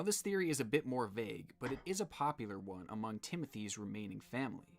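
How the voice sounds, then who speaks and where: A man giving scripted narration in the style of a true-crime video. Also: mid-range voice.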